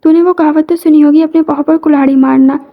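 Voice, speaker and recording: A woman's voice: sits high, fairly even intonation, fast talker, phone-quality sound. A woman voicing a wry young male student who mocks his friend. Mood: mocking.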